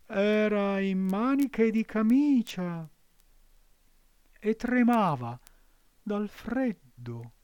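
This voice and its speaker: Sneaky high fox voice, fake-sweet and mocking, storybook style. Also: male voice, expressive, very slow, long pauses, a little mellow, clean tone, no room sound, highs cut off, full character voice. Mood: wheedling. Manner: wheedling, mocking. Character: sly scheming fox, high crafty voice.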